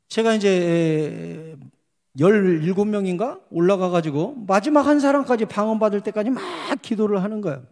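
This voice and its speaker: A man preaching a revival sermon as pastor, telling stories animatedly and acting out the voices of the people in them. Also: on the high side. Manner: animated, acts out quoted voices. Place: church sanctuary. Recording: long church hall reverb.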